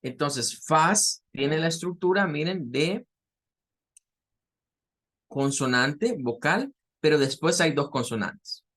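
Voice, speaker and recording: A man's voice: fairly high pitch, expressive, takes it slowly, long pauses, fairly bright tone. A man, teaching an English class, explaining patiently with repetitions and fillers. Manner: patient, repeats words and fillers while explaining.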